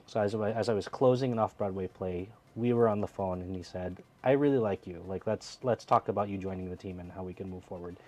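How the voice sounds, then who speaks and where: Earnest reflective guy in his thirties, mellow tone, kinda low. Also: fast talker, hardly any pauses. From United States. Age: 30s. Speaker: theater co-producer, guest. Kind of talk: interview conversation.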